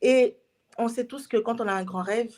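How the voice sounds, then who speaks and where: A woman's voice: on the high side, normal speed, darkish tone. A woman hosting a casual interview, effusive and often exclaiming in amazement. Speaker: host.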